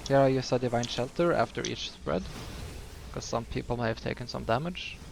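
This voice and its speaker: Male gamer, nasal with a noticeable lisp and vocal fry, hesitant casual guide commentary over clearly noisy audio with typing. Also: medium pitch, brisk. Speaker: gamer giving a healer guide. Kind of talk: casual game walkthrough commentary. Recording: clear background noise, keyboard typing.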